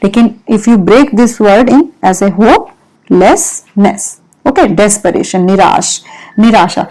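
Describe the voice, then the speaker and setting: Indian woman teacher spelling words slowly. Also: medium pitch, darkish tone, poor audio. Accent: Indian English. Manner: spells words letter by letter, explains patiently. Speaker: English teacher. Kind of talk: vocabulary lesson mixing English and Hindi.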